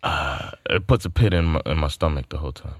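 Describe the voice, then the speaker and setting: A man's voice: rumbling low, brisk, slightly rough, no room sound, studio quality. A man in his thirties co-hosting casual chat, rambling with many fillers and restarts. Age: 30s. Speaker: podcast co-host.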